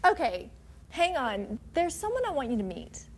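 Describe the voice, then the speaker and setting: A woman's voice: sits high, very animated, moderate pace. A woman interviewing people on camera and giving friendly instructions. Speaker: video interviewer. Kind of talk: interview prompts. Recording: music under the voice.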